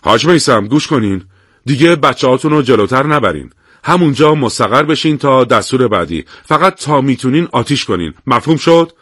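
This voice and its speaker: A man voicing a calm male field commander who gives steady orders over a radio, in a husky voice. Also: medium pitch, no echo, clean studio sound.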